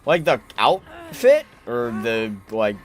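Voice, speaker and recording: Man, mid-pitched, animated delivery; casual gameplay commentary, thinks aloud and swears. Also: takes it slowly. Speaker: gaming channel host.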